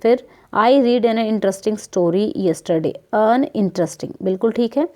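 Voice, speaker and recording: An Indian woman teaching an English grammar lesson at an unhurried pace. Her voice is mellow and soft-edged. She keeps repeating example words and checking that her pupils follow. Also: mid-range voice. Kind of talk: worksheet lesson explained in Hindi.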